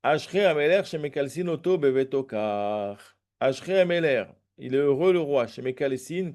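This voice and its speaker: In a warm, medium-pitched voice, a man leads a Talmud lesson where each phrase is read and then translated and explained. His speech is hesitant, full of fillers and restarts.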